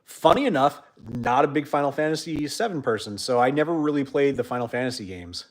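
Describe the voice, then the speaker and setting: A young man hosts a laid-back stream, answering questions in a middle-pitched voice. He rambles with constant fillers, and his sentences sink soft and quiet at the end. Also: expressive, fairly quick. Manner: trails off quietly at sentence ends. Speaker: host. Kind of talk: casual livestream chat.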